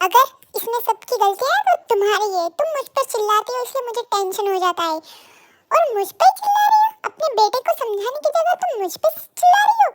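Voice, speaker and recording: A grumpy, sarcastic middle-aged father nags and scolds his son, put on by a performer with a very high voice. He speaks lower and slower than the performer's everyday talk. The audio is dry and close, like a bedroom fan dub. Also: fairly bright tone, dry recording.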